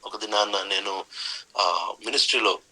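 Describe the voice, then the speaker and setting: Male preacher, emphatic sermon delivery, bright and cutting tone, repeats his points. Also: lowish voice, fairly even intonation, moderate pace, low-quality recording. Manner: emphatic, repeats key phrases, mixes in English phrases.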